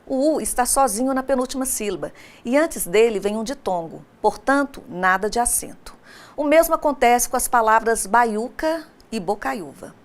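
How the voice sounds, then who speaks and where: Higher-voiced woman teaching a lesson. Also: lively intonation. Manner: didactic, addresses students directly; slows down to spell out example words. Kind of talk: recorded online lesson.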